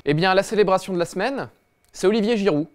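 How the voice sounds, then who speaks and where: Guy hosting a snarky football comedy bit, kinda high voice, cocky slangy and sweary. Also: fast, music in the background. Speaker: host. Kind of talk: satirical football comedy monologue.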